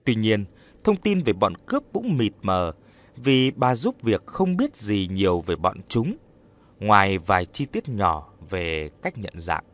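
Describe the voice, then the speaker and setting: A man narrating a scripted horror story in a measured, dramatic way. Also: lowish voice, very animated, slight background noise.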